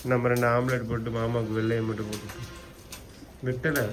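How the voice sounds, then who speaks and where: A man's voice: mid-range voice, little pitch movement, fairly quick, music in the background. A man chatting casually at home as a vlogging father, easygoing and coaxing with his child. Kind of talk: casual family chat. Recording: noisy home recording.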